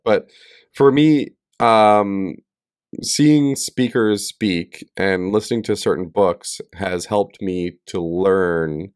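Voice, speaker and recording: A man co-hosts a casual podcast in a chatty, teasing way, full of "um" and "like." His voice sits fairly low. The sound is dry and close to the mic. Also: slow pace, a little mellow, clean tone, dry recording. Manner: chatty, filler-heavy, teasing. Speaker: podcast co-host.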